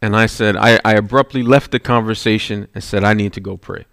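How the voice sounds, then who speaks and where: A man's voice: on the low side, steady tone, a little fast, gravelly, a bit bright, no room sound, studio quality. A man preaching a sermon, telling a personal story and checking in with the congregation as he goes, often with "right?". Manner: storytelling, with rising intensity and repeated "right?".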